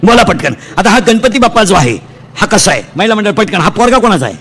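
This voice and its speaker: A man delivers a comic devotional sermon through a stage microphone. He declaims loudly in a high register and fires quick questions at the crowd. A faint hum sits under the voice. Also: very animated. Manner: loud, declaiming, quizzing the crowd for quick answers. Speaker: kirtan preacher. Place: festival pandal stage.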